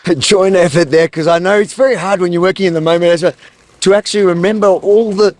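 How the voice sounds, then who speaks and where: A man's voice: high-pitched, fairly even intonation, fast, darkish tone, dry recording. A man from Australia with an Australian accent, working as a reporter outdoors on a street, confrontational and blunt. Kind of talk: street ambush questioning and wrap-up commentary.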